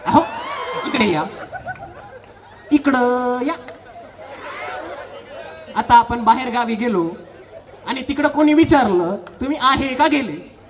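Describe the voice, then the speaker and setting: A man's voice: very high voice, animated, slow, long pauses, recorded from a distance, a crowd in the background, background noise, full character voice. A man doing a sing-song teasing village wife. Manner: bickering, sing-song, listing things off. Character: chatty rural village wife, middle-aged, proud and teasing. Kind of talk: comic stage play.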